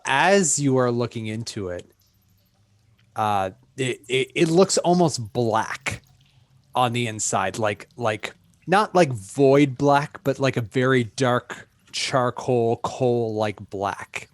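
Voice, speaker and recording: A man narrating as game master, unhurried and full of fillers. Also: mid-range voice, lively intonation, no echo.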